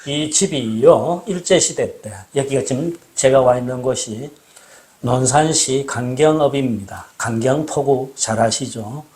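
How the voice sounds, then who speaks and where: A man at an ordinary middle pitch talks through a subject as a show's host. He explains calmly and tells stories in a measured, steady way. He is recorded inside an old house. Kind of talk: casual explanatory talk. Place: old traditional house indoors.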